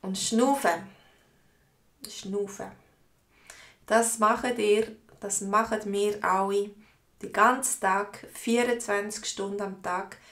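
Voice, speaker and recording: A woman with a Swiss accent, teaching a live online language lesson, explaining words slowly and answering viewers' comments. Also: medium pitch, fairly even intonation, a bit bright, echoey room. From Switzerland. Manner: slow, explanatory, repeats words for learners.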